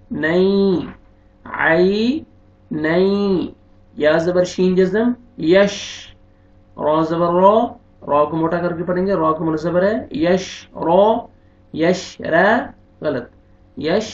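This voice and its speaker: A man teaching beginners to read the Quran, spelling out letters and vowel marks one by one, with quicker, quieter explanations of the rules. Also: high voice, lo-fi sound. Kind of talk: slow spelled-out recitation lesson.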